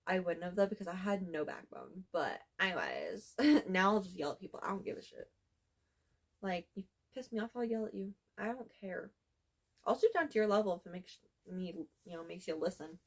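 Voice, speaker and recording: A woman's voice: lowish voice, very animated, moderate pace. A young woman in her teens reading her old journal aloud, candid and blunt, with sarcastic asides and casual swearing.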